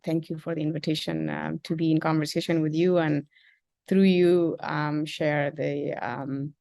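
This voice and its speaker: A woman in her thirties from Afghanistan, answering interview questions in a halting, measured way with many ums and uhs. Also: low-pitched, flat delivery, creaky, dark tone, dry recording. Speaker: interview guest, school founder.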